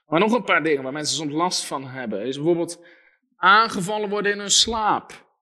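A man's voice: a little high, fairly quick, pushed and bright. A man preaching a sermon, telling stories with quoted dialogue and listing things emphatically.

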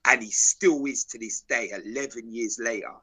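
A man's voice: medium pitch, moderate pace, pushed and bright, slightly rough. A man with a South London accent, telling stories in street slang in an emphatic, declarative, repetitive way. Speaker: interview guest, videographer.

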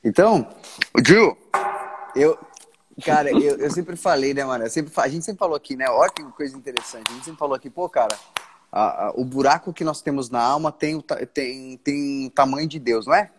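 A man with a Brazilian accent, a pastor talking in an earnest casual devotional chat, often restarting and slowing down for emphasis. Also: medium pitch, background noise.

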